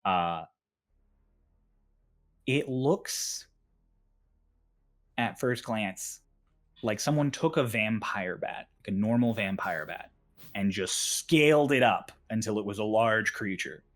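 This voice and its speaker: A man's voice: on the low side, animated, measured pace, a bit bright. A man acting as game master, narrating a tabletop game in a conversational, descriptive way.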